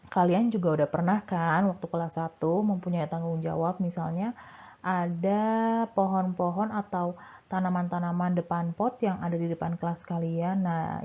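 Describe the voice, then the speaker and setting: A woman primary school teacher giving a friendly online lesson, explaining step by step to her pupils. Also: fairly low pitch. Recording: tinny phone-like sound.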